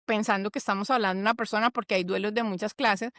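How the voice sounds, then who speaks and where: A woman's voice: mid-range voice, steady tone, fast talker, fairly bright tone, no echo, clean studio sound. A woman psychologist, explaining in a conversational interview and acting out the voices of people she quotes. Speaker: psychologist guest.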